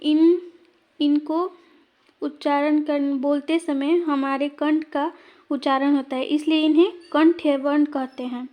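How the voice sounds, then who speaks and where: A woman teacher leads an exam-prep lesson, sounding out letters one by one and asking viewers to say them aloud. Her voice sits high, her pace is slow and measured, and her tone stays even with little rise and fall.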